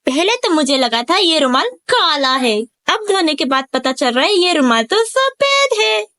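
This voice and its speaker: A woman voicing a sharp-tongued, bossy young village woman with a scolding manner in an amateur animated comedy. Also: very high-pitched, measured pace, exaggerated voice. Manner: scolding, sassy.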